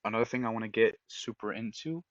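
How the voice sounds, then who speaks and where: A man co-hosting a casual podcast, giving direct advice in an animated way and sometimes acting out example voices. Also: fairly low pitch, quick pace, dull audio. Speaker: podcast co-host.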